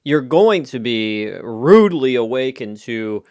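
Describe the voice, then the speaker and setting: A man's voice: mid-range voice, sing-song, a little slow, a little mellow, dry recording, studio quality. An American man chatting casually through a food review in a rambling, offhand, conversational way. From United States. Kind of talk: casual off-the-cuff review chat.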